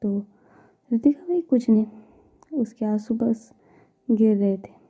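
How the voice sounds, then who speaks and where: A woman storyteller narrating a romance story in a soft, often half-whispered way. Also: a little high, takes it slowly, husky, dull audio.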